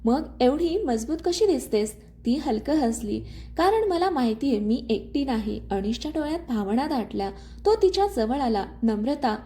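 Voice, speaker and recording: High-pitched mellow woman narrating a story. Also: animated, moderate pace. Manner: reads all the characters' dialogue in her own voice.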